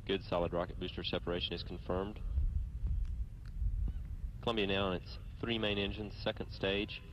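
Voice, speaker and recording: Mission control radio guy calling flight status, low and measured, muffled, really noisy. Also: steady tone. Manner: measured, formal, factual reporting. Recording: muffled broadcast with loud rumbling noise.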